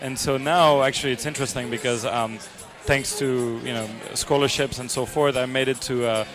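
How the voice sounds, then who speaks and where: A man with a French accent talks earnestly as a guest on an interview show, his sentences full of ums and restarts. His pitch sits mid-range for a man. Music plays clearly behind him throughout. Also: fairly even intonation, normal speed, a crowd in the background. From south of France. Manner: earnest, many fillers and restarts. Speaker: guest, charity supporter and restaurant owner. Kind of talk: conversational interview. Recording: music playing underneath.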